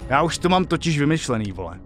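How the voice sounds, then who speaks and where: Brief: high, animated male streamer cracking crude jokes over guitar at home. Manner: joking, swears a lot, talks to chat. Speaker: streamer writing a song. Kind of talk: casual stream chat while composing. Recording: loud guitar music behind the voice.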